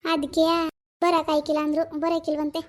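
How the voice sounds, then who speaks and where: A woman's voice: high voice, completely flat delivery, moderate pace, lightly acted. A woman voicing a fretful older village mother in a cartoon, sighing and chattering. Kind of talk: animated cartoon voice acting.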